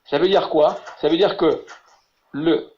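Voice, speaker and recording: A man teaching Hebrew in an online lesson over a video call. He talks haltingly, repeating words and filling with "voilà". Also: fairly high pitch, fairly even intonation, darkish tone. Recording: muffled lo-fi web call audio.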